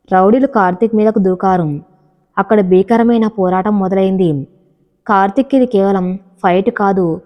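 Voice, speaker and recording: A woman narrates a dramatic story in a steady, measured reading voice. Her tone is dark and mellow. The recording carries a long, hall-like reverb. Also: medium pitch. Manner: steady dramatic reading, voicing every character herself.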